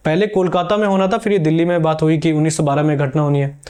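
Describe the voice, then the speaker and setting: A male teacher with a somewhat high voice walks students through history as a story. He explains step by step and answers questions from his viewers. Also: flat delivery, fast, darkish tone. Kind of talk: exam-prep history lesson.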